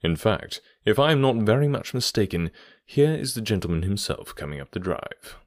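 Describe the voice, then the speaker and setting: A male narrator voices a stern English detective from classic storybooks, very deep and self-assured, speaking with quiet authority. The recording is dry and close, with no room sound. He is very animated at a moderate pace, projecting calm assurance.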